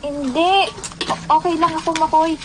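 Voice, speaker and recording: A woman's voice: very high voice, steady tone, normal speed, background noise. A woman playing a hesitant, stammering young mistress in a radio drama.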